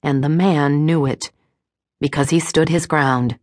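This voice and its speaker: A woman narrates a thriller audiobook in a low voice. Her reading is measured and even. The studio sound is dry and close. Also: no echo. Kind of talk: scripted narration. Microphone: studio microphone.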